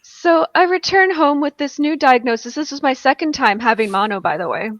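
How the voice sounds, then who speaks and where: On a group video call from home, a woman appearing as a guest on a charity livestream casually tells a personal story, wry and self-deprecating, acting out bits of dialogue. Her high voice is expressive and fairly quick, with no room sound, and the video-call microphone gives close, dull audio.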